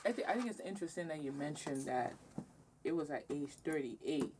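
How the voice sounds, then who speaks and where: A woman hosting a podcast, asking questions gently and backing up her guest with soft affirmations. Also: sits low, animated, brisk, distant mic, noisy background. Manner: supportive listener, frequent soft affirmations. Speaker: podcast host. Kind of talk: interviewing, casual conversation.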